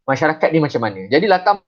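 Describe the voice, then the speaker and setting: A male teacher with a Malaysian Malay accent, giving a chatty classroom lesson and reciting sample verse lines slowly. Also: fairly high pitch, breathy edge, lo-fi sound.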